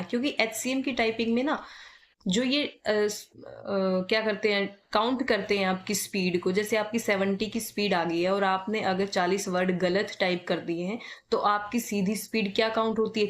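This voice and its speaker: Woman teaching typing, chatty and repetitive. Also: mid-range voice. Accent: North Indian Hindi. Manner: repetitive, checks in with "ठीक है"; spells letters out slowly. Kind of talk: casual spoken tutorial.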